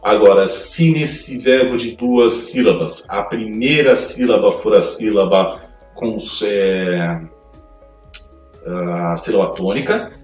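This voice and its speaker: A man's voice: fairly low pitch, a little mellow, recorded from a distance. Man teaching grammar in an echoey room. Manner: explains slowly, reading rules aloud in English then explaining them in Portuguese. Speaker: English teacher. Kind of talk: grammar lesson. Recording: echoey room, voice off-mic, faint music.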